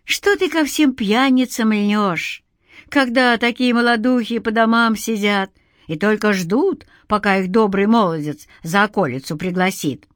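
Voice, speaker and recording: A woman's voice: mid-range voice, unhurried, dry recording, natural voice. Woman putting on a stout old village granny, bossy and scolding, dry close sound. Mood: chiding. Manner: scolding, sharp.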